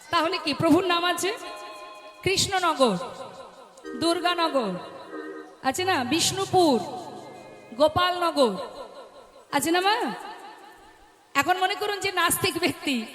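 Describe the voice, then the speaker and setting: A woman's voice: extremely high pitch, expressive, measured pace, long pauses, fairly bright tone. A woman preaching a devotional sermon to a gathering, in a sing-song way, often asking her listeners questions and calling out to them. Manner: sing-song preaching, asks the audience questions, calls out "hari bol". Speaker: kirtan preacher. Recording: echoey hall with music.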